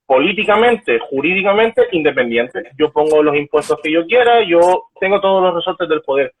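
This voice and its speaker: A man's voice: a little high, lively intonation, normal speed, slightly rough. A man, calling in as a guest, talking politics earnestly and building points with examples over a crackly, choppy phone line. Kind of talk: political discussion.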